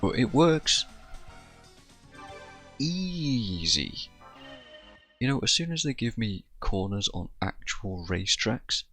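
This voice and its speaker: A man giving casual, sarcastic commentary over his own racing gameplay, excitable and swearing when frustrated. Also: fairly low pitch, moderate pace, hardly any pauses, soft background music. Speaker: gaming YouTuber.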